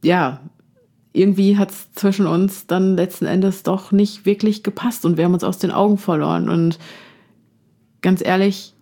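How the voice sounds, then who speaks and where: A woman's voice: lowish voice, fairly even intonation, normal speed, warm tone. A young woman hosting a podcast, talking frankly and reflectively with frequent fillers. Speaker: podcast host. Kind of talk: casual chat.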